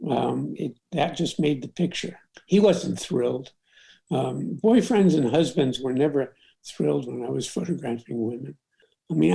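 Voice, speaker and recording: An older man, a photographer, telling stories from his career in an unhurried interview, with many fillers and restarts. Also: fairly high pitch, creaky, warm tone. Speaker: documentary photographer. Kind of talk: reflective storytelling interview.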